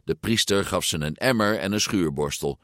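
Male storyteller, slow, expressive, lowish voice, dry close sound. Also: no echo. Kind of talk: storybook read-aloud narration.

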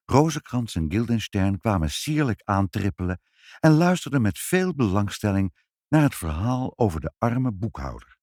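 A middle-aged man reading a children's story aloud in a calm, measured way. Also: fairly low pitch, no echo. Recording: dry close reading.

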